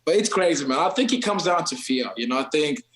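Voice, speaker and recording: A man's voice: fairly high pitch, expressive, fast talker, fairly bright tone. Slangy Kenyan-raised man in a roomy studio. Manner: loose, slangy, says "bro" and "man" a lot. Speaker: podcast guest, TikTok creator. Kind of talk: casual podcast chat.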